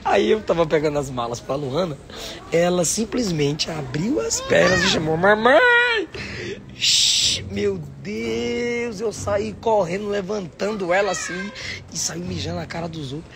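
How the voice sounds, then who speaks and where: A Brazilian pastor vlogging a trip in a busy airport, chatty and exasperated, often laughing. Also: male voice, high-pitched, animated, a little slow, gravelly, crowd noise. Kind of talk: casual travel vlog to camera.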